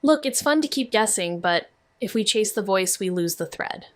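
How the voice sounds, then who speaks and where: In a noir audio drama, an actress voices a level-headed, analytical amateur detective, delivering lines in a measured, matter-of-fact, methodical way. Her natural female voice sits at medium pitch and stays animated.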